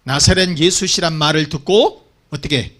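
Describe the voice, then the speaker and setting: Bright high-voiced male preacher. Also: normal speed. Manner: animated storytelling, acts out quotes; calls for amens from the congregation. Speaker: pastor. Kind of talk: sermon.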